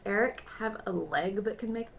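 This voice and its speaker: Creaky-voiced woman chatting over a tabletop game. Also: mid-range voice, normal speed. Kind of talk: casual out-of-character chat at a game. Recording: faint background noise, room ambience.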